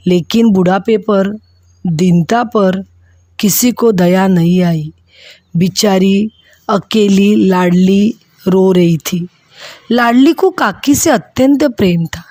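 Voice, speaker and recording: A woman teacher tells a story to her class in a slightly high voice. She takes it slowly and acts out each character's lines. The recording is close and dry. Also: no echo. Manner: slow, expressive storytelling with voiced quotes. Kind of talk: reading and retelling a story for a class.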